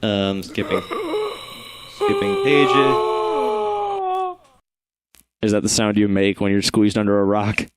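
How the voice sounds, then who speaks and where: A man's voice: fairly low pitch, completely flat delivery, a little fast, few pauses, background noise. A man hosting a podcast, reading an adventure gamebook aloud with casual asides and self-corrections. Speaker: host and narrator.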